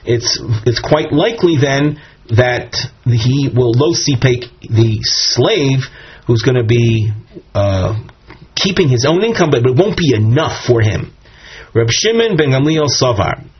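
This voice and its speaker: A man's voice: medium pitch, expressive, a little slow, breathy edge. A man teaching a Talmud lesson, explaining step by step and quoting Aramaic and Hebrew phrases. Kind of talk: text study lesson. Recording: dull lo-fi audio recording.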